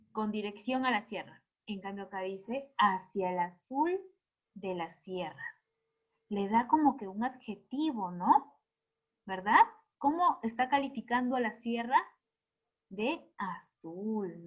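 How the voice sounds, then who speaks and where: A woman's voice: medium pitch, breathy edge. Patient woman teacher for an online lesson, checks in with students often, slightly muffled audio. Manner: patient, keeps asking "¿no?" and "¿verdad?"; reads verses aloud with extra intonation.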